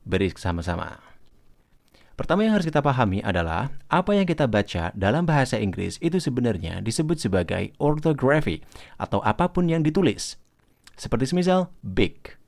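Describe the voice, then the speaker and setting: A man teaching English pronunciation, explaining each sound and then saying example words slowly and repeating them. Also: medium pitch. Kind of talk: pronunciation lesson.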